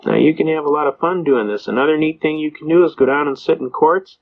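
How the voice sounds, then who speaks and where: A man's voice: a little high, fast, narrow, tinny audio. An older man and Vietnam veteran talking in a rambling, folksy storytelling way, with plenty of "uh" fillers. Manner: folksy, anecdotal, acts out quoted voices. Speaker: speaker giving advice on citizens' rights.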